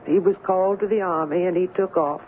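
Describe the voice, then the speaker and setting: An actress playing a gentle, sorrowful older woman servant, speaking in dialect in an old radio play. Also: lowish voice, fairly even intonation, natural voice. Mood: grave. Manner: dialect speech, slow and tender. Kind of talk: 1940s radio acting. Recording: tinny old radio broadcast with faint hiss.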